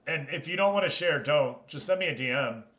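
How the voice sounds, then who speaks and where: Hosting a livestream, an American man gives casual game commentary and chats with viewers, bouncing between direct address and explanation. He speaks a little fast in a fairly high, expressive, slightly bright voice.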